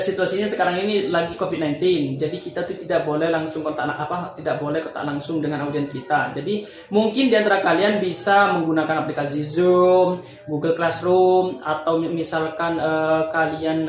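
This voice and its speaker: A young man from Indonesia giving a casual English lesson, talking through examples slowly with many fillers. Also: a little high. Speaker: English teacher. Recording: very echoey room, faint background noise.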